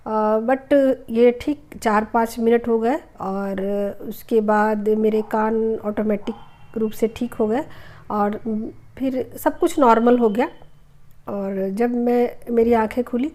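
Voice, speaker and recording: A middle-aged woman hosting a spiritual healing channel, telling viewers a personal story in a chatty way, repeating herself and filling pauses with hesitations. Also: on the high side, steady tone, darkish tone. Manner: chatty, repeats phrases, many hesitation fillers.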